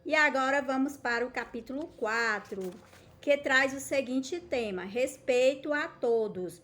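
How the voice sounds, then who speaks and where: A Brazilian woman teacher giving a patient recorded lesson to young children, often checking in to ask whether they follow and drawing words out slowly to show the stressed syllable. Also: high voice, fairly bright tone. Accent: Brazilian Portuguese.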